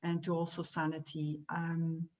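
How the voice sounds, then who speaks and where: A woman's voice: low-pitched, completely flat delivery, a little slow, darkish tone, poor audio. A woman giving an earnest, slightly flustered introduction in a casual interview. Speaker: interview guest.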